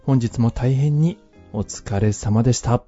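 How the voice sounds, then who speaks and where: A man hosting a podcast, calmly explaining English phrases for learners and signing off politely. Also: medium pitch, a little slow. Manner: calm, explanatory, adds polite sign-offs. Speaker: podcast host, English teacher. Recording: dull lo-fi audio, faint music.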